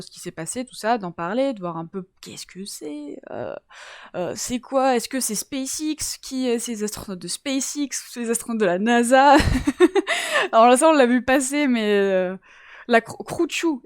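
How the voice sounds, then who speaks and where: A woman's voice: a little high, clean tone, no room sound, studio quality. A woman from around Toulouse hosting a casual science live-stream, chatty and giggly, greeting viewers in the chat.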